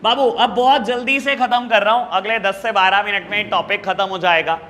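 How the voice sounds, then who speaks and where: A man teaching a commerce class, warmly calling his students "beta" and asking them questions that he answers himself. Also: high-pitched, fairly even intonation, a little fast, long reverb tail, slight background noise. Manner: affectionate, calls students "beta" and "babu" constantly. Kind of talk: classroom lecture.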